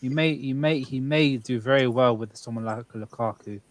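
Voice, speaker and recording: An emphatic man in a casual panel chat, often repeating his phrases as he argues. His voice sits at a middle pitch. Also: a little fast, no room sound.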